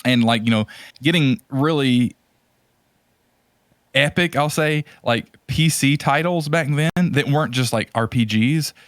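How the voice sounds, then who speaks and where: A man hosting a podcast chats casually about retro games and movies, rambling with enthusiasm for the topic. His voice is medium-pitched and unhurried, and the recording is dry.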